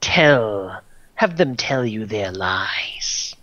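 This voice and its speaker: A menacing undead tyrant, acted out by a male game master in a tabletop fantasy game. The voice is husky and creaky, with slow, grand, ominous pronouncements. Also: medium pitch, animated, sharp tone, no echo, muffled recording, full character voice. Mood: cold, taunting.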